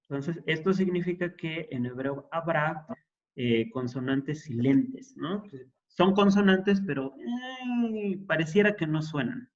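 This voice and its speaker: A man teaches an introductory Hebrew class, explaining things patiently and checking in with his students. His voice is slightly high and animated, his pace unhurried, and the audio sounds dull.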